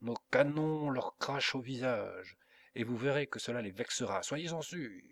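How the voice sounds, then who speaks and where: A man's voice: medium pitch, animated, moderate pace, a bit bright. A man voicing a fierce, brutal pirate captain who barks sardonic orders to his crew. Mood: commanding.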